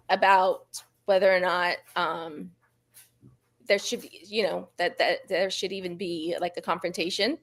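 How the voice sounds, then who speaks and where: A woman author appears as a guest in a casual book chat over a live online video call, speaking candidly and in a self-deprecating way. Her voice is mid-range with a fairly bright tone.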